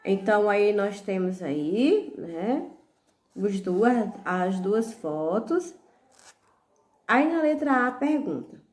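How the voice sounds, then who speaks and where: Slow, patient Brazilian teacher woman. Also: medium pitch, big pitch swings, darkish tone, echoey room. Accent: Brazilian Portuguese. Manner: slow, patient, spells out syllables and letters one by one; checks in often with "tá bom?" and "né?". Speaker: primary school teacher. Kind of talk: recorded lesson, correcting homework.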